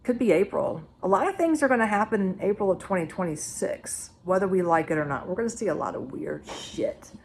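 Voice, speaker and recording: A woman's voice: medium pitch, expressive, fairly quick, few pauses, a little mellow, a little hiss or hum. A woman vlogger sharing her predictions in a loose, rambling, conversational way. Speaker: psychic vlogger. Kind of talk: casual spoken predictions.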